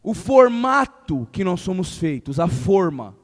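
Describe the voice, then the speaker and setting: High-voiced São pastor preaching. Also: male voice, a little slow. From Brazil. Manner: animated preaching, acting out everyday quotes, building to emphatic rhetorical questions. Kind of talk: sermon. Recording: long hall reverb.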